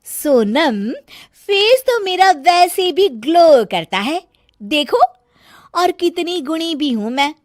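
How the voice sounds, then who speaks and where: A woman voicing a bossy, fault-finding young wife in a cartoon, shrill and scolding. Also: big pitch swings, slow, no room sound, studio quality, heavily acted.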